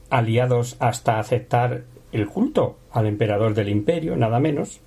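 A man's voice: mid-range voice, dark tone, breathy edge. A man teaching a Bible lesson, explaining the text in a conversational way with rhetorical questions.

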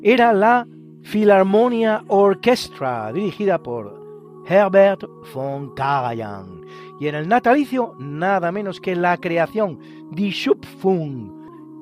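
A man's voice: sits high, darkish tone. A man hosting a radio show, formally announcing the music credits and signing off. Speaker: radio host.

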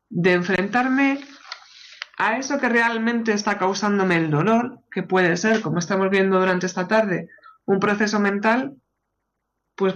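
A woman co-hosting a radio show on psychology, talking fluently and reading stories aloud. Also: medium pitch. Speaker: radio co-host.

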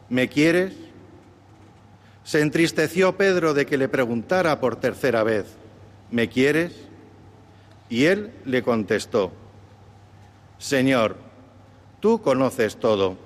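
A man, a deacon, giving a solemn, deliberate, slightly intoned liturgical Gospel reading, with cathedral echo around his voice. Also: medium pitch. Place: large cathedral, at the ambo. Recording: cathedral echo, long reverberant hall.

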